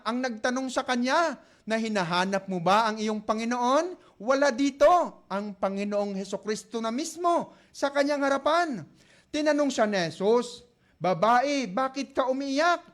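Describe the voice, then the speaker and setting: A man preaching a sermon, reading scripture aloud and putting questions to his listeners. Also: sits high. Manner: asks listeners rhetorical questions.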